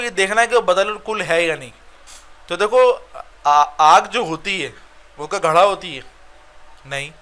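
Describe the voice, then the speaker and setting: A man's voice: fairly high pitch, bright, forceful tone. A man with a Pakistani Urdu accent teaching Arabic grammar in a recorded online lecture, explaining step by step and checking "right?" after each point.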